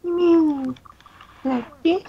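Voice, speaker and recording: A man voicing a frightened young female pink hedgehog, high and pleading in a fan-fiction reading. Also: very slow, vocal fry, dull audio, heavy background noise, full character voice. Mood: teasing. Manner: breathless, pleading, high-pitched.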